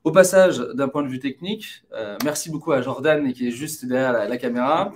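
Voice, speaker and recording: A man's voice: medium pitch, brisk, a little hiss or hum. A man hosting a live webinar, upbeat and joking as he puts questions to the experts. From France. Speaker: webinar host.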